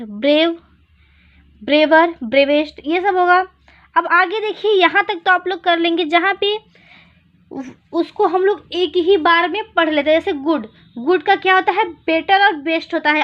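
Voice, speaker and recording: High-voiced woman teaching English grammar. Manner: asks questions and answers them herself; reads English examples slowly. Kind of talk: Hindi-medium grammar lesson. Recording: dull lo-fi recording.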